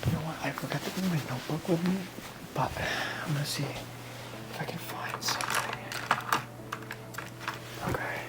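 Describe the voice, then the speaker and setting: A whispered role-play by an ASMR performer as a gentle, attentive massage therapist, soothing and instructional. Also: medium pitch, very noisy. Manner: soothing, slow counting, instructional. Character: gentle, attentive massage therapist talking a client through treatment.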